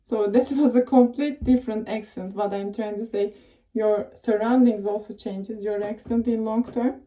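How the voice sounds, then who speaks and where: Speaking at normal speed with a steady, dark voice pitched on the high side, a young woman from Turkey in tech shares casual career advice. Her Turkish-accented talk rambles with fillers and self-corrections, and the recording quality is rough.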